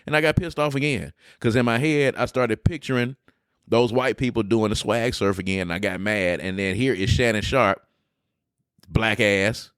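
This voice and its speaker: A man co-hosting a podcast in casual chat, animated and blunt with his opinions. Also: lowish voice, normal speed, clear, resonant tone, no room sound, studio quality. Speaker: podcast co-host.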